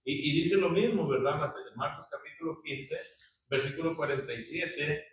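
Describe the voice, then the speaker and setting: A man with a slightly high voice leads a Bible study at normal speed, reading scripture aloud and asking the group questions. He is conversational and uses frequent tag questions. His voice comes from a distance in an echoey room, with slight background noise.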